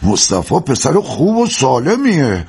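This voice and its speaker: An actor playing a proud, teasing traditional husband and shopkeeper who is husky and boastful. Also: male voice, medium pitch, wildly swooping pitch, a little mellow, heavily acted. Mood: jovial.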